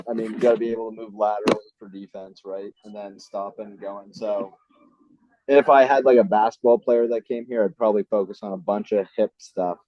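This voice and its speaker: Here the mobility trainer's voice is fairly low-pitched, with background noise audible over dull lo-fi audio. His casual interview answers explain things loosely and conversationally, frequently dropping in "I mean" and "right?".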